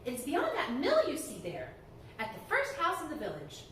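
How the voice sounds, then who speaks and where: A woman's voice: sits high, wildly swooping pitch, normal speed, heavy reverb, distant mic, a little hiss or hum. A woman voicing a sweet, innocent little village girl from a fairy tale, eager and wide-eyed.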